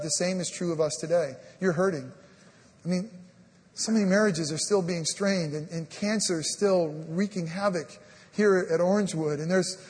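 A man preaching a sermon as pastor, animated, swinging between loud emphasis and a soft hush and acting out the scripture dialogue, with many "I mean" fillers. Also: sits high, long reverb tail. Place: church sanctuary.

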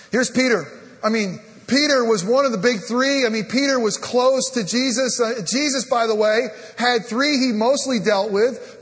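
A high-pitched male pastor preaches with animated swings from loud emphasis to a near whisper, acting out the dialogue of scripture. He leans on the filler "I mean". His voice rings with the long reverb of a church hall. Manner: animated preaching, voice rising and dropping to a hush. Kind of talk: sermon. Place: church sanctuary.

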